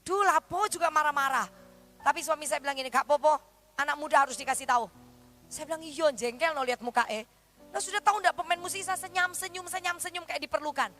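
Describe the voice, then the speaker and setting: A woman's voice: high voice, fast talker, soft background music. A middle-aged woman with an East Javanese Indonesian accent, preaching a sermon with stories and acting out the dialogue. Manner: animated, acts out dialogue in her stories. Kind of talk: sermon with storytelling. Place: church service.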